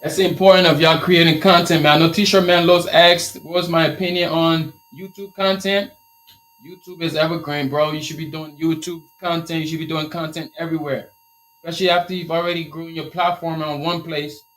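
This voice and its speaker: Speaking fairly quickly in a fairly high voice, a man from Liberia with a Liberian accent runs an informal live-stream Q&A on his t-shirt business. He drives his points home through repetition, keeping things energetic and motivational.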